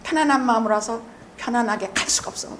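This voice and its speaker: Sex: woman. Role: pastor. Style: sermon, high voice. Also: quick pace, a little hiss or hum. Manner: swings from quiet asides to loud shouted emphasis; blunt, teasing, colloquial preaching. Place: church sanctuary.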